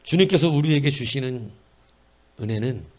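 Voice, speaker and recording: Animated male pastor preaching. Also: mid-range voice, normal speed. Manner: animated, storytelling with jokes and acted voices. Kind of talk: sermon. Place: church.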